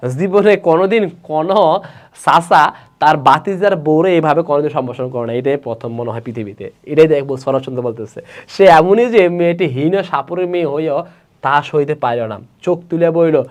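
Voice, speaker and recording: A man's voice: fairly high pitch, normal speed. Bangladeshi man teaching a literature lesson. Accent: Bangladeshi Bengali. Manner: reads story lines aloud then explains them in colloquial speech, asks students questions. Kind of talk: Bengali literature class lecture.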